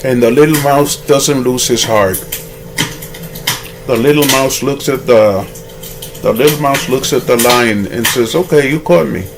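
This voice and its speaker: A man's voice: medium pitch, measured pace, pauses often, background noise. A man giving rambling, moralizing commentary on a vlog and telling a fable, often restarting his sentences. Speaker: vlogger.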